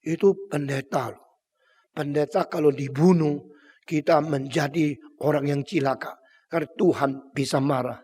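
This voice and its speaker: A man's voice: a little high, fairly even intonation, moderate pace, darkish tone, husky, in a large hall. A man voicing a bragging middle-aged king in a sermon. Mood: nervous. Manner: bragging, scoffing. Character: boastful proud middle-aged male king.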